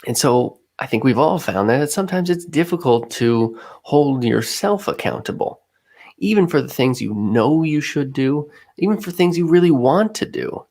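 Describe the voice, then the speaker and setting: Man, podcast co-host, gravelly, casual chat, thoughtful, searching for words. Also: a little high, expressive, moderate pace, a little mellow.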